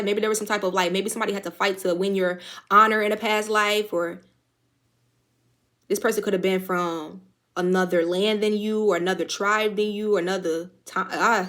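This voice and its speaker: A young adult woman running through a tarot reading at a quick clip, her voice sitting at an ordinary middle pitch. She talks in a loose, slangy way, swears often and speaks directly to the people watching. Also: a bit bright. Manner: chatty, slangy and profane, addresses viewers directly. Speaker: tarot reader. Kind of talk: casual spiritual reading.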